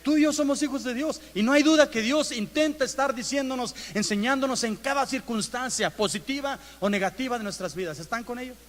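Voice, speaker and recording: A Mexican pastor's voice, extremely high-pitched and a bit bright, moves fairly quickly with few pauses as he gives an interactive sermon. He asks the congregation questions and acts out everyday inner dialogue in a conversational way, recorded in a church auditorium with long hall reverb.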